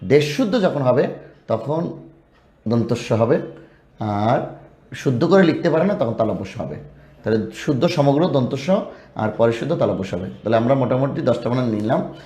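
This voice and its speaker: A man with a Bangladeshi Bengali accent teaches spelling, calling out long word lists in a lilting, rising chant. His voice is mellow and a little dark. The sound carries the echo of a hard room. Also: medium pitch, expressive, normal speed, long pauses. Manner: drills word lists in a rising sing-song. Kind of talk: spelling lesson.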